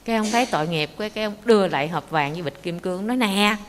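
Nun telling a dharma story, lively, keeps asking the crowd questions, big hall reverb. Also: female voice, lowish voice, rapid-fire. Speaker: Buddhist nun teacher. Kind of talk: dharma talk. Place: meditation monastery hall. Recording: echoey hall with faint noise.

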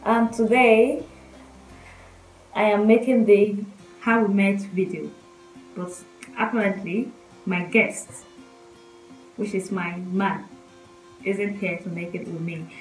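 A young Nigerian-accented woman telling a personal story casually to camera, with R's she doesn't pronounce clearly. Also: medium pitch, fairly even intonation, slow, pauses often. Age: young adult. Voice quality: cannot pronounce R's well. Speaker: vlogger. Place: small bedroom indoors. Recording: roomy echo, faint music behind. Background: faint music.

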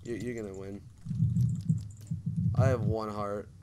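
A man casually commentating a video game with a friend, excitable, shouting when things go well and mumbling when calm. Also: lowish voice, measured pace, noisy background. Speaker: channel host playing a video game.

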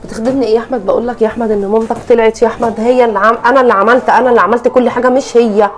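Woman playing cartoon young wife, pregnant, Egyptian accent, rapid-fire, slightly high, exasperated. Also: steady tone, slight background noise, close to an everyday voice. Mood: exhausted. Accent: Egyptian Arabic. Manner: complaining, exasperated.

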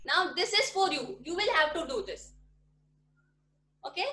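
A woman from India, a primary school teacher, runs an online class from a small room at home, patiently repeating questions to make sure her pupils keep up. Her voice is very high, animated, a little slow, bright and forceful. It's captured on a laptop webcam mic at her desk, with the echoey sound of a video call.

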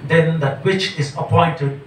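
A man reads Bible passages aloud at a very slow, careful pace, stumbling over difficult names. His voice sits slightly high and comes from some distance in an echoey church hall, with faint noise behind. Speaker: scripture reader.

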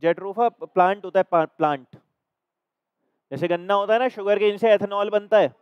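A man's voice: high voice, steady tone, normal speed, clear, resonant tone, no echo. A man with a Hindi accent teaching a reasoning class, explaining exam questions step by step and checking that his students follow. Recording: dry, slightly dull recording.

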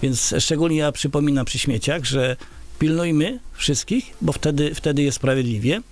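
A middle-aged Polish village head answers interview questions in a small indoor radio studio, using a large boom-arm studio microphone. His voice is fairly high at normal speed with slight background noise, and he fills his answers with filler sounds and restarts.

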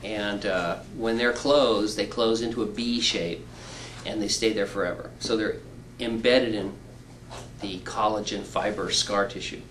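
A man's voice: lowish voice, fairly even intonation, measured pace, fairly bright tone, a little hiss or hum, poor audio. A middle-aged man, a surgeon, patiently explaining an operation to patients in plain words with homely examples. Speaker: weight-loss surgeon. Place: indoor room.

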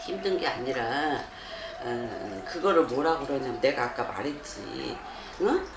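A woman's voice: extremely low pitch, lively intonation, a little slow, background noise. Scolding woman shaman, echoey room. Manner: scolding, presses with rhetorical questions. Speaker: shaman fortune teller. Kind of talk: blunt counseling session.

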